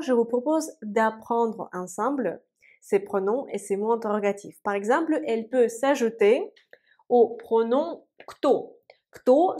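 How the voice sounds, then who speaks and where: A woman teaching a language lesson, speaking slowly and carefully and repeating example words. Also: on the high side, warm tone. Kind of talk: Russian lesson for French speakers.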